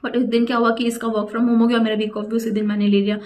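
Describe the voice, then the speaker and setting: A woman's voice: a little high, flat delivery, fast, a little mellow. A young woman telling a personal story in a chatty, indignant way, dropping English phrases into her talk. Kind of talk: casual storytime vlog.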